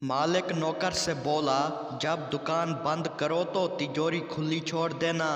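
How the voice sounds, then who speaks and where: Slow, echoey man telling jokes. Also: on the high side, flat delivery, fairly bright tone. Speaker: joke narrator. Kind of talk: reading jokes aloud. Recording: echoey room with long reverb.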